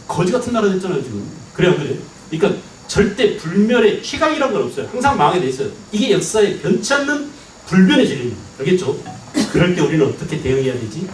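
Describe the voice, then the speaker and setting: This high-pitched man from Korea's Jeolla province teaches history with real energy, checking comprehension through repeated rhetorical questions in a lively class session. Recorded from afar in a reverberant hall, the clip has slight hiss or hum.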